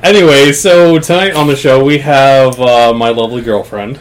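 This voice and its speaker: A man's voice: medium pitch, normal speed. A man hosting a casual talk show, teasing his guests and laughing often. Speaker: podcast host. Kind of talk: casual chat.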